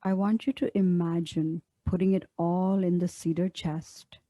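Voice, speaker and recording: A woman teaches a guided meditation, speaking gently, soothingly and unhurriedly, with long pauses. Her voice is fairly low with fairly even intonation, and there is no room sound.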